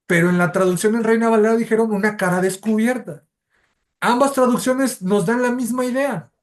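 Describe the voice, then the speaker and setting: A man with a Mexican Spanish accent teaches a church Bible study class. His voice sits high, and he explains things methodically, step by step, often pausing to correct himself.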